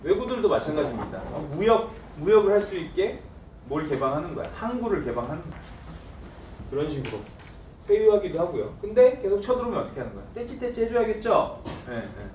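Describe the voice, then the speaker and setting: A man with a slightly high, animated voice lectures a classroom, firing questions at his students and answering them himself. He teases them in a playful way. He is picked up from a distance in an echoey room with faint background noise. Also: quick pace. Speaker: history teacher.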